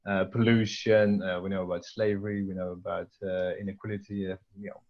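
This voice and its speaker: A man's voice: low-pitched, little pitch movement, a little fast, highs cut off. A man from the Netherlands whose first language is Dutch, talking casually as an interview guest with many fillers and restarts.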